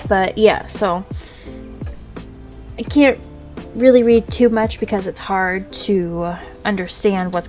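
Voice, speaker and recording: A woman with a mid-range voice chats loosely while she plays a game, wandering from topic to topic. Her talk is relaxed and rambling, and game music plays clearly underneath her. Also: mid-range voice, low-quality recording. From United States. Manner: rambling and chatty, drifts between topics. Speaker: VTuber gaming streamer. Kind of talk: casual chat over gameplay. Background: video game music.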